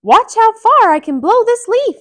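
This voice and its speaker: A woman voicing a small, plucky male cartoon mouse hero in a storybook, squeaky, cheeky and daring. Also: sing-song, measured pace, fairly bright tone, full character voice. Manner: squeaky, chirpy, challenging. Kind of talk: children's storybook character voice.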